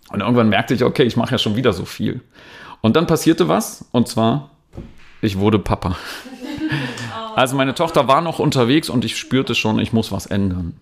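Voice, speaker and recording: A middle-aged man telling his story in a relaxed interview, chatty and reflective, with small laughs and tag questions. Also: lowish voice. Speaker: dance trainer, podcast guest.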